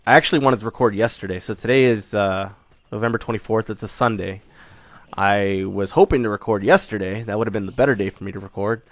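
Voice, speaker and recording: Still getting over a cold, a young man who hosts a gaming channel rambles through a casual update, stumbling over fillers and restarts. His voice is lowish and quick, with no echo.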